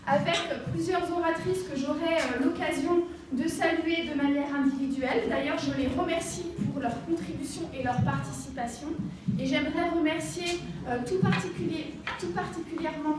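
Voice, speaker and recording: High-voiced woman emceeing in an echoey hall. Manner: upbeat, rallies audience energy. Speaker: event host. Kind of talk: emcee introduction. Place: event hall with audience. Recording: echoey hall, distant mic, noisy room.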